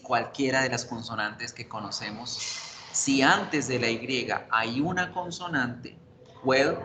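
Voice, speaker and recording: A man teaching an online English class, explaining grammar rules step by step, switching between Spanish and English and checking in with the class. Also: medium pitch. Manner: spells out letters and asks the class for confirmation. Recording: roomy with background noise.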